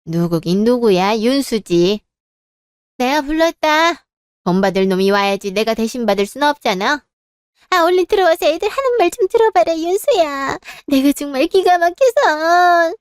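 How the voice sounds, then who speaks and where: A woman's voice: medium pitch, lively intonation, moderate pace, smooth, dry recording, natural voice. A woman voicing a domineering older mother-in-law who reproaches and makes demands. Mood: indignant. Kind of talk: dramatized story reading.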